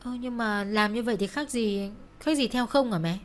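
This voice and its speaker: A woman's voice: a little high, moderate pace, close to an everyday voice. A woman voicing a meek, timid young daughter who speaks politely in a storybook reading.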